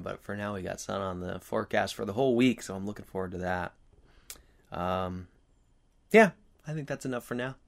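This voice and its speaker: A man chatting casually to his viewers as host, earnest and reflective, with halting, rambling phrasing and a slight whistle on his s sounds. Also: on the low side, gravelly. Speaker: video host.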